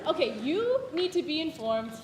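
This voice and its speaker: A woman's voice: sits high, sing-song, normal speed, reverberant, over a noisy crowd, very noisy. A young woman playing a teasing but protective older sister who shifts between teasing and earnest explaining in a campus stage play. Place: live stage in a hall.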